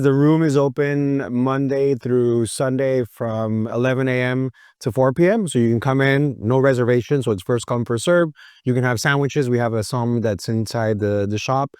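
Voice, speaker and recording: A man's voice: mid-range voice, moderate pace, clean tone, no echo, studio quality. A man who owns a food boutique, talking casually and at length in an interview, with plenty of fillers. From Miami. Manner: relaxed and talkative, with frequent fillers.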